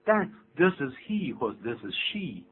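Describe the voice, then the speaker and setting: Older guy teaching english on the radio, animated, tinny lo-fi sound with a faint hum. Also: medium pitch, measured pace. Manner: animated, explanatory, mixes English phrases into Mandarin. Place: radio studio.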